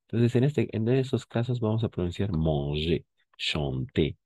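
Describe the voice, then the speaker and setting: A man's voice: medium pitch, fairly even intonation, a little fast, mellow, no echo. A man teaching a French class, patiently explaining and repeating key words and checking that students follow. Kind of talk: live language class explanation.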